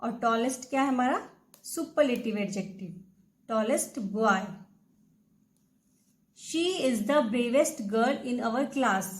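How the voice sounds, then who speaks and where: A woman teaching grammar. She reads examples slowly, translates them, and answers her own rhetorical questions. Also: high-pitched, poor audio. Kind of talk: bilingual classroom explanation.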